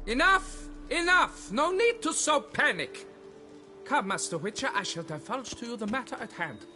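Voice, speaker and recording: A man doing a squeaky, blustering quarry foreman. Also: lively intonation, fairly quick, over music. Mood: flustered. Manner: flustered, pleading and haggling, old-fashioned oaths. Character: fussy, blustering male quarry foreman, middle-aged. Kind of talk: fan dub of a video game.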